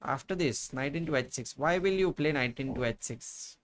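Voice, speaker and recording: A man in his thirties co-hosts a live chess stream from a room at home. He thinks aloud as he talks through the moves, with many fillers and pauses along the way. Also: mid-range voice. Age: 30s. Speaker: chess commentator co-host. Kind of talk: casual chess commentary.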